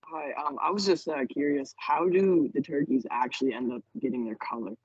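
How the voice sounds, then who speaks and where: A man's voice: a little high, lively intonation, brisk, breathy edge, dry recording. A young man from New Brunswick, a student casually and tentatively asking a question over a video call. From New Brunswick, Canada. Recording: muffled video call audio.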